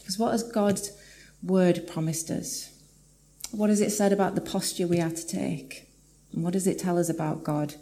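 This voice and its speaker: A woman preaching a sermon in a church, earnest and reflective, slowing down to read scripture aloud. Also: lowish voice, steady tone, mellow. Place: church hall with live audience.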